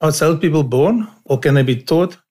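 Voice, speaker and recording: Hosting a podcast interview, a man with a slightly high, darkish voice speaks briskly with lively intonation. His questions are conversational, and he supports the guest with plenty of "mm-hmm" backchannels.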